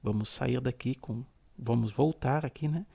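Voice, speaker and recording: A man guides viewers through a phone tutorial, patiently describing every gesture he makes. His mid-pitched voice is deeply gravelly and mellow. He sounds steady and unhurried. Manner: patient, explains each gesture aloud. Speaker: tutorial host. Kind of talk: step-by-step screen-reader tutorial.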